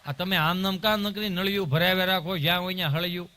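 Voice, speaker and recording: A man voicing a cranky old grandfather in a hospital, talking in gruff, scolding retorts. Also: high voice, steady tone, fast, pushed and bright. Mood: irritated.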